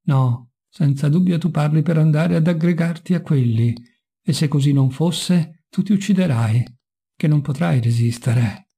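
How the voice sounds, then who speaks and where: A man's voice: fairly high pitch, unhurried, mellow, husky. A man voicing a devout young man who pleads and questions in distress, in a read-aloud novel. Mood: anguished.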